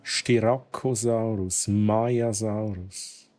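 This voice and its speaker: A man's voice: fairly low pitch, fairly even intonation, drawn-out words, a little mellow. A man with a Swiss German accent streaming a video game, thinking aloud as he plays and dropping English exclamations. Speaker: gaming streamer. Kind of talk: casual let's-play commentary.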